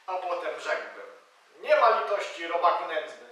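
A man's voice: fairly high pitch, sing-song, normal speed, bright, forceful tone. A man voicing a cowed male robber who wheedles and begs, in a stage reading of a play. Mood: boastful. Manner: whining, wheedling, begging. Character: cowed male robber, boastful but pleading. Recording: echoey hall from far off.

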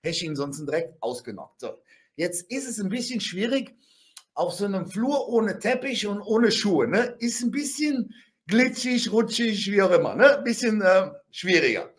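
Male storyteller, high and highly animated, blunt, slangy, punctuates with sound effects. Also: normal speed. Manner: animated and blunt, crude slang, constant tag questions, vocal sound effects. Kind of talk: casual spoken anecdote.

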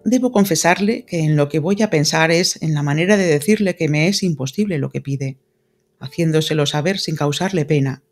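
A woman's voice: low voice, moderate pace, faint music behind. A woman reading a poised, spirited young heroine. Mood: composed. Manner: composed, polite, firm. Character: spirited independent young woman, gently refusing. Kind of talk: audiobook character reading.

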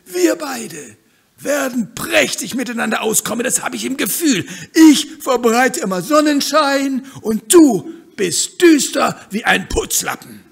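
A man voicing a blind, pushy, sunny hen with a very high, loud, shrill voice and a boastful, bossy, theatrical manner in a read-aloud storybook. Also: expressive, unhurried, vocal fry, husky, full character voice.

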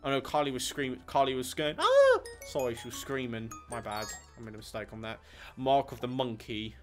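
A man giving casual, muttering gameplay commentary, with exasperated asides as he plays. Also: mid-range voice. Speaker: gamer doing a let's play.

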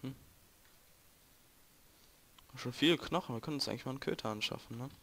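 A young let's play gamer with a German accent chats and jokes with viewers as he plays, giving casual commentary. His mid-range voice runs a little fast, on a noisy home recording.

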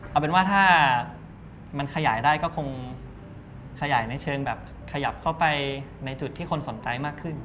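A man's voice: a little high, normal speed, fairly bright tone, a little hiss or hum. A young man, a tea cafe co-owner, chatting in an interview and explaining things step by step in a loose, easygoing way. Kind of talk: casual interview.

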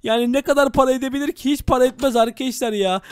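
High-voiced, fast-talking game host. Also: male voice, steady tone, smooth, no echo. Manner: dramatic, exclaiming to viewers. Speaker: game video host playing village head. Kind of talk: game role-play narration.

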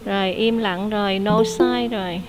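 A woman's voice: mid-range voice, fairly even intonation, a little slow, noisy background. A woman teacher, leading an online English class, explaining answers patiently and quizzing her students.

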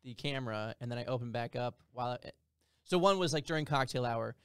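In his thirties, a podcast host and DJ tells wedding stories into a studio mic on a boom arm, wearing headphones, peppering the casual chat with quoted asides and fillers. His medium-pitched voice moves fast and sounds clean, with no echo.

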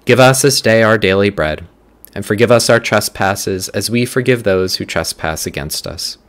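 Low-voiced man leading morning prayer. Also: fairly bright tone. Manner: measured, deliberate reading in short phrases. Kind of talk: scripture reading and prayer.

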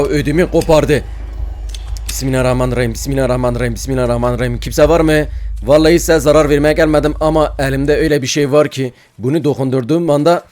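A man's voice: a little high, a little mellow. A young man playing a horror game and commenting as he goes, acting brave, then yelping and shrieking in fright and muttering prayers. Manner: jumpy, mock-brave, yelps and screams in fright, mutters prayers when scared. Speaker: gaming YouTuber.

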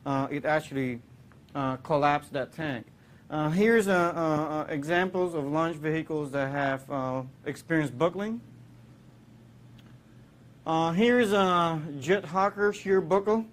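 A man from Puerto Rico, in his thirties, giving a classroom engineering lecture, explaining with many fillers and restarts. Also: a little high. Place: lecture hall.

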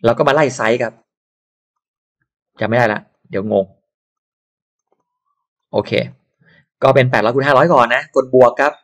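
Man, software tutorial, casual, talkative, digressions, desktop mic. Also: medium pitch, a little slow, long pauses. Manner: chatty, digresses into advice and asides.

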